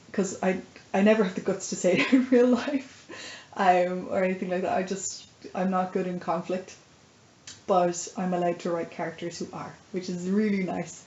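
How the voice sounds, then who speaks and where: An Irish woman, a vlogger and writer, chats casually to her viewers in a rambling, playful and self-deprecating video diary. Her voice is medium-pitched and a little mellow, and the recording has a dull lo-fi sound with faint background noise.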